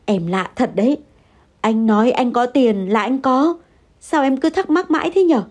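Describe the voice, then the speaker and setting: A woman's voice: fairly high pitch, lively intonation, normal speed, a little mellow. A woman voicing an irritable young husband who answers curtly in an audio story. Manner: curt, dismissive. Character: irritable young husband, curt and money-proud.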